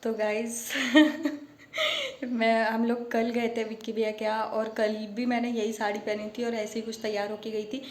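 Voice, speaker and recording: A woman's voice: on the high side, little pitch movement, moderate pace. A young woman vlogging casually from her phone, chatting on and on to her viewers and calling them guys. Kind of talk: casual vlog chat to viewers.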